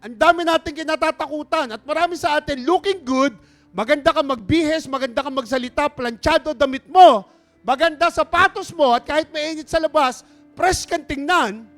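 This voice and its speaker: High-voiced pastor preaching a sermon. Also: male voice, moderate pace, fairly bright tone, soft background music. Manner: storytelling, asks the congregation for amens. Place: church.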